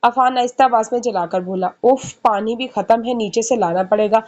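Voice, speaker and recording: A woman's voice: fairly high pitch, moderate pace, a little mellow, muffled recording. A woman reading a romance novel aloud, voicing each character's dialogue herself with small shifts in tone. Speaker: novel narrator.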